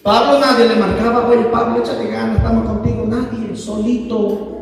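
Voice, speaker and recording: A man preaches in a very high voice, calling out to his congregation and climbing into shouts. The sound comes from a large church hall, heavily echoing and picked up from a distance. Soft music plays faintly underneath. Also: level tone, normal speed, creaky. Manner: call-and-response preaching, rising to shouts. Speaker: pastor. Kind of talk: sermon. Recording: echoey hall, distant mic, music behind.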